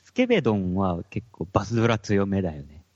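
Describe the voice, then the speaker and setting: A man's voice: sits low, very animated, fast, darkish tone, no room sound, highs cut off. A man with a Hakata accent, a podcast co-host in casual chat among musicians, joking and laughing often. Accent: Hakata dialect. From Fukuoka.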